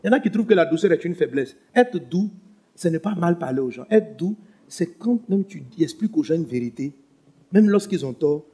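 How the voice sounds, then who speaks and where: A pastor preaching a sermon, swinging between loud emphatic lines and hushed ones. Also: male voice, a little high, animated, brisk, breathy edge, soft background music.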